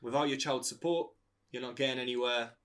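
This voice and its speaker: A man's voice: medium pitch, fairly even intonation, a little fast, fairly bright tone. A man co-hosting an advice podcast, giving blunt, opinionated takes in casual chat. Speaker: podcast co-host.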